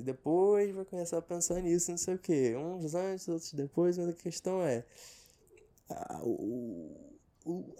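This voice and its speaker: A man's voice: high voice, warm tone. A young man with a Brazilian Portuguese accent, hosting a casual solo podcast in a rambling, profane and self-mocking way. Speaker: podcast host.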